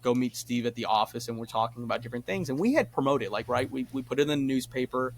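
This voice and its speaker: A young man from Florida, a guest telling a story casually, animated and acting out the people in it. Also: mid-range voice, fast talker, a little hiss or hum. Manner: animated, acts out voices in his stories. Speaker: guest, concert promoter.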